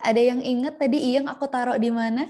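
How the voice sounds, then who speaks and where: A young woman teaching a Korean lesson over a video call, chatty and playful, slowly sounding out syllables. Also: a little high, fairly even intonation, mellow. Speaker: Korean language tutor. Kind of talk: online language lesson.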